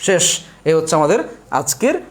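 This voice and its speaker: This exam prep teacher is a young man with a fairly high, sing-song voice who talks fairly quickly. Teaching a live online class, he works through the material step by step while writing, going over points again and again and answering his own questions.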